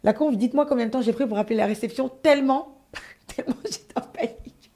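A woman's voice: a little high, quick pace. Dramatic woman telling a live story. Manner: dramatic, animated, swears freely, addresses her audience. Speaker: storyteller host of a live stream.

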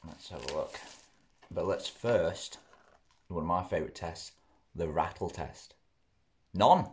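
A young man with a fairly low voice rambles casually through a food review in his living room. He chats close to the camera and often talks with food in his mouth. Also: slow. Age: young adult. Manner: chatty, rambling, mouth often full while chewing. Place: living room at home, indoors. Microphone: camera close in front.

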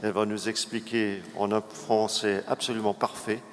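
A man hosting a conference session, introducing a speaker hesitantly with drawn-out pauses. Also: lowish voice, little pitch movement. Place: large auditorium, indoors. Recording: reverberant hall, background noise.

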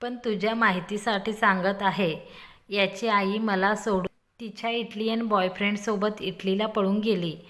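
A woman's voice: mid-range voice, steady tone, moderate pace, fairly bright tone, lightly acted. Woman reading as a playful scheming young man, teasing, mock-dramatic, audiobook story.

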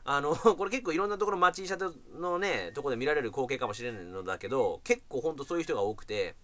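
A man live streaming and telling a story in a rough, joking, casual way, laughing a lot as he talks. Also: mid-range voice, lively intonation, quick pace, fairly bright tone.

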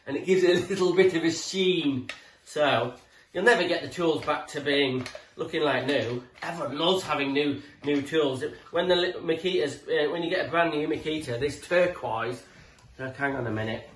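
Speaking at a moderate pace with few pauses and a higher-than-average voice, a forties British man offers rambling tool tips to camera in a tradesman's casual style. Chatty and matey, he swears a little. The setting is an indoor living room, where the camera mic a few feet off catches echo and background noise.

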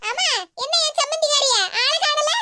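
In an animated cartoon, a woman plays a proud, warm-hearted middle-aged village aunt who speaks the southern Tamil Tirunelveli-Kanyakumari dialect, sounding affectionate, comforting and dramatic. Her pitch is extremely high, her speed normal, and the background is heavily noisy.

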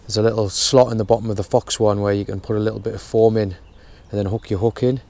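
A young man explaining his fishing setup in a relaxed, step-by-step way while outdoors at a lake. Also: lowish voice, fast talker. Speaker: fishing vlogger. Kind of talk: casual how-to narration. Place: outdoors at a lakeside bank.

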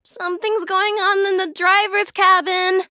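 A timid little cookie girl in a game. Her voice is extremely high and bright, anxious and stammering, recorded dry. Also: little pitch movement, unhurried, no echo, heavily acted. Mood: worried. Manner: hesitant, stammering. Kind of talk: video game cutscene voice acting.

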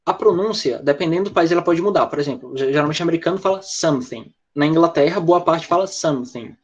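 A man with a Brazilian Portuguese accent teaching English in an online class, explaining points and answering students from the chat. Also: fairly high pitch. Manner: explanatory, talks with students by name and reads the chat. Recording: lo-fi dull audio.

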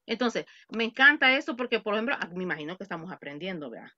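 A woman teaching English over a video call speaks slowly, taking her time with each example. Her voice is bright and a little high, recorded dry and a bit dull through a computer mic. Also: sing-song, dry recording. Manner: patient, repeats words slowly for students. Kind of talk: online English class explained in Spanish. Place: home.

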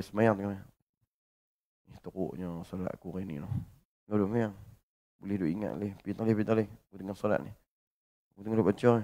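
A man with a Malaysian Malay accent, a religious teacher giving a lecture and chanting verses, swinging between loud fervent lines and hushed asides. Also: sits low, vocal fry.

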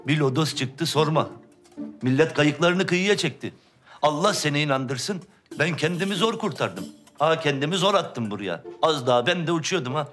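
An actor playing an excitable, rattled Ottoman fisherman explaining emphatically in a period drama. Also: a little high, moderate pace, faint music behind.

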